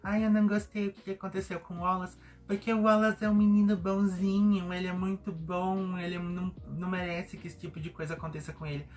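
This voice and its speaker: A gushing, whiny woman with a Brazilian Portuguese lilt, as a man mockingly puts her on, pitched high and sing-song. The voice comes over a faint music bed. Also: flat delivery, a little fast, few pauses, close to an everyday voice.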